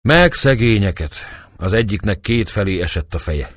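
A man voicing a calm, kindly older captain who speaks in a fatherly, measured way. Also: fairly low pitch, dry recording, studio quality.

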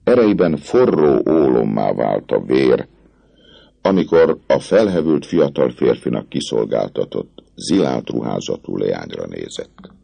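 A man narrating a literary novel in a slow, dramatic storytelling manner. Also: rumbling low, animated, creaky, mellow. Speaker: audiobook narrator.

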